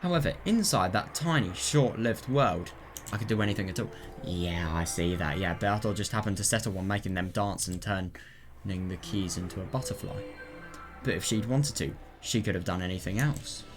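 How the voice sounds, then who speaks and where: A man's voice: sits low, normal speed. A man reading a game's text aloud and reacting casually in a musing way, often repeating short affirmations. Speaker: let's player. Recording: music behind the voice. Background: game music.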